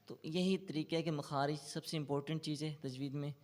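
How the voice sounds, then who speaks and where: Male Quran tutor with a Pakistani accent, slightly high voice, patient explainer, interview answers. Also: fairly even intonation, darkish tone. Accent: Pakistani Urdu. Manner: recites in slow melodic chant; explains patiently with English loanwords.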